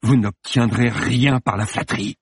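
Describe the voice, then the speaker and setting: A man's voice: mid-range voice, fairly even intonation, a little slow, breathy edge, no echo, clean studio sound. A man reading the part of a cynical, scornful male film director who talks in a cold, cutting, mocking way. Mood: icy mocking.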